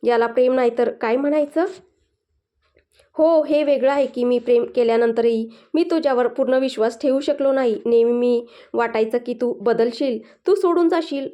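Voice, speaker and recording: A woman's voice: fairly high pitch, normal speed, warm tone, close to an everyday voice. A woman voicing a playful, affectionate young husband in a read-aloud story. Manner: playful, teasing. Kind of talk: storybook dialogue reading.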